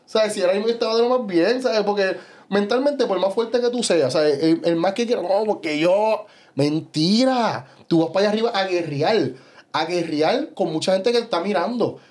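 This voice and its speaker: A man's voice: sits high, normal speed. A young adult man with a Puerto Rican Spanish accent, a bodybuilder guest telling stories animatedly in a casual podcast chat, peppering his talk with "you know". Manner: animated storytelling, frequent "¿sabes?".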